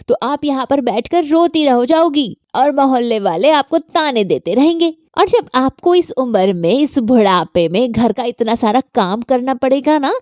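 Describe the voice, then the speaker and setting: A woman voicing a bossy, sharp-tongued young daughter-in-law who scolds defiantly in a high voice. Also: dry recording, studio quality.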